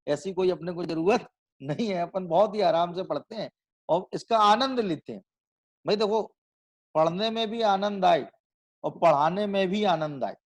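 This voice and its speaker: A man teaching a group class as a religious teacher, explaining recitation step by step, asking questions and answering them himself. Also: sits high.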